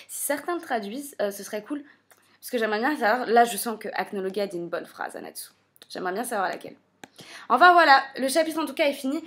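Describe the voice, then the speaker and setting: Casting note: woman, slightly high-pitched, casual manga reviewer who thinks out loud, corrects herself often and keeps a joking tone. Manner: thinks aloud with many fillers and self-corrections; playful, teasing asides. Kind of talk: casual spoken commentary.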